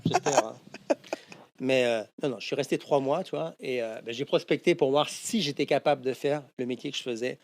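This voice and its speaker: A man's voice: medium pitch, fairly quick, vocal fry, dry recording. Man, middle-aged, French accent, casual storyteller, salty language, dry sound. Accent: French from France. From France. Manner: animated anecdotes, swears casually. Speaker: guest, tattoo shop owner.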